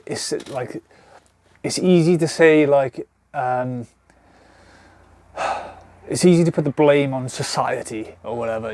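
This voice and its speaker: This thirty-something vlogger from South Wales has a medium-pitched, darkish voice. He chats unscripted to camera from his camper van, rambling, restarting, filling with ums and swearing liberally.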